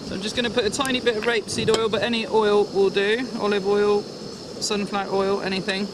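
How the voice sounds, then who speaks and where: A man's voice: sits high, little pitch movement, a little fast, very noisy. A man demonstrating a camp cooking recipe step by step, chatty and instructive as he works, recorded outdoors at a fishing lake.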